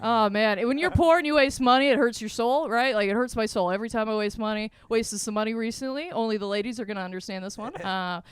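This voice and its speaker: A young woman from Canada doing a stand-up set, animated and punchy, laughing at her own jokes. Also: fairly high pitch, fast, few pauses, smooth, no room sound. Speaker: stand-up comedian.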